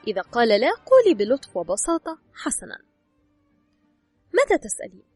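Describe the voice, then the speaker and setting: A woman's voice: fairly high pitch, huge pitch swings, quick pace, a little mellow, slightly rough, dry recording, clean studio sound, soft background music. A woman narrating an advice book in a scripted reading, giving instructions straight to the listener. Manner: instructive, addresses the listener directly. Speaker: audiobook narrator.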